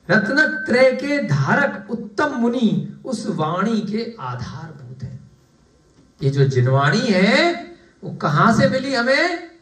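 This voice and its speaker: A man teaching a scripture class. He explains the text in measured steps, repeats key terms, and asks the class questions that he then answers himself. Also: on the high side. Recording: echoey room, voice from a distance.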